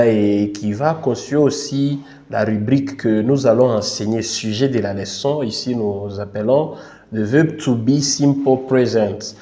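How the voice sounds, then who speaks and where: A man with a warm, mid-range voice and a Congolese French accent gives a patient, repetitive screen tutorial. He often ends phrases with "n'est-ce pas" and apologises for his English.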